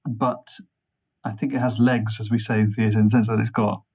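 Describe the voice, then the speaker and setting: A man with a husky voice, talking casually as an interview guest in a discursive way, repeating himself for emphasis. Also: on the low side, flat delivery, moderate pace, a little mellow. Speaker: interview guest, theatre actor and director.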